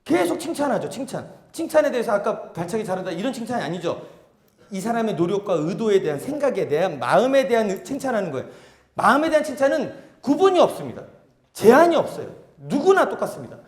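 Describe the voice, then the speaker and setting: Man, seminar lecturer, high voice, lively swings in pitch, acts out scenes, echoey hall. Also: quick pace. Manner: animated, acts out scenes with sudden shouts.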